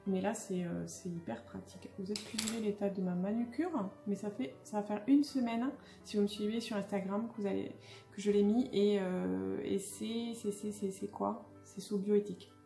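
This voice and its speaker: A woman's voice: mid-range voice, steady tone, moderate pace, vocal fry, mellow. A young adult woman chatting casually through a makeup unboxing, hesitant with many fillers and restarts. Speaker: beauty vlogger. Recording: echoey room, faint music.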